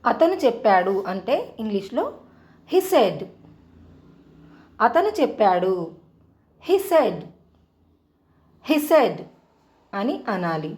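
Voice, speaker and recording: Woman English tutor, unhurried drill-style delivery, fairly high and very expressive. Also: slightly rough. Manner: repeats each phrase slowly, in Telugu then English. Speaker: English teacher. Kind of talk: spoken English lesson.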